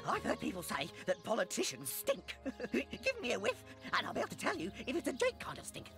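A woman's voice: on the high side, a little fast, vocal fry, over music, heavily acted. A woman voicing a loyal, simple talking dog in a video game, blunt and childlike, grieving its best friend. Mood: eager. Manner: blunt, excitable, childlike wording. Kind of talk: animated video game voice acting.

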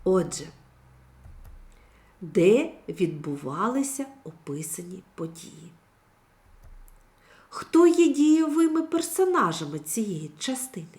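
A woman teacher giving a recorded reading lesson for young children, speaking clearly and instructively. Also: medium pitch, sing-song, darkish tone. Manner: slow, clearly articulated, instructive. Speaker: primary school teacher.

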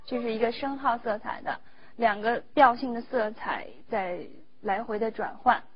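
Female music teacher, higher voice, measured explanatory delivery; dull recording, faint instrument behind. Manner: measured, explanatory, demonstrates between phrases.

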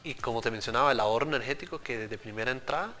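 A product engineer from Central America speaks rapid-fire in a medium-pitched, pushed, bright voice during a TV studio interview, wearing a lapel mic. He explains things earnestly and speaks directly to the host.

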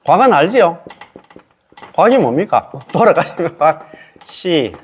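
Monk, man; animated, slightly high delivery, teaching informally with frequent questions to the room. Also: a little slow, slightly rough. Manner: chatty, checks listeners with tag questions, chuckles often. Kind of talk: casual dharma lecture.

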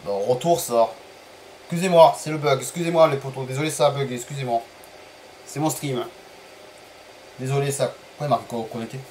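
A man streaming a football management game live, chatting to viewers, apologizing for stream bugs and calling plays with bursts of excitement. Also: medium pitch, a little fast, pauses often, a little hiss or hum, rough recording. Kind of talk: live gameplay commentary.

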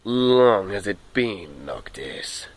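A man's voice: lowish voice, very animated, slow pace, noisy background. A young man switching into an impression voice of a cold, solemn, haughty nobleman. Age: young adult. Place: outdoors among trees.

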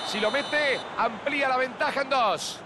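A man playing an excitable video game football commentator, calling goals with drawn-out shouts and rapid repeats over stadium noise. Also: very high voice. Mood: excited. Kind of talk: excited goal commentary of a penalty shootout. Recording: clear stadium noise behind.

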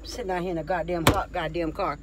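A middle-aged woman scolding and swearing loudly at her daughter from inside a parked car. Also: lowish voice, steady tone, fast, slight background noise. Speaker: prankster's mother. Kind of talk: heated profane scolding in a car.

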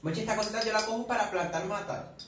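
A man's voice: sits high, quick pace, slight background noise. Chatty guy in an echoey room. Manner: chatty and expressive, swears a lot, eats while talking. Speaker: reaction vlogger. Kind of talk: casual reaction commentary. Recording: very echoey room, far from the mic.

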